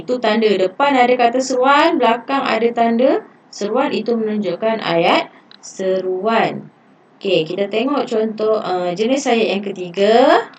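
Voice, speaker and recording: Malaysian woman schoolteacher, mid pitch, emphatic classroom delivery, distant mic. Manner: frequent "okey" fillers, emphatic explanations. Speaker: teacher. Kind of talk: classroom lesson, reading aloud and explaining.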